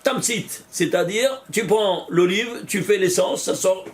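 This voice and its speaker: A man teaching a Kabbalah study class, animated, repeating numbers out loud and exclaiming in wonder as he questions his students. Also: high-pitched, a little slow. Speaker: Torah teacher.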